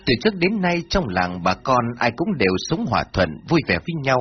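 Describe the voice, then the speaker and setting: A man telling a folk tale in expressive scripted narration. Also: medium pitch, fairly quick, husky. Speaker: storyteller. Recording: dull lo-fi, faint music.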